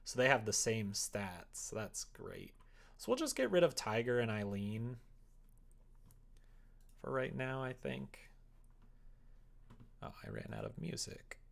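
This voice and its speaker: A man livestreams casually while coding a visual novel, thinking aloud and muttering wryly to himself as he works. His medium-pitched voice is very animated yet slow, with vocal fry and frequent pauses.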